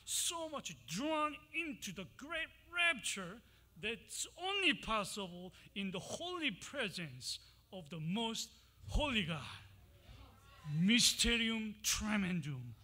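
A man's voice: high-pitched, bright, forceful tone. A man with a Korean accent preaching a sermon, reading scripture dramatically and chanting Hebrew phrases with emphasis.

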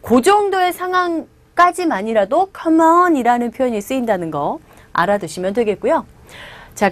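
Lively high-voiced woman teaching English. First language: Korean. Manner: lively, acts out quotes with playful voices and laughs. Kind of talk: video lecture on English through film.

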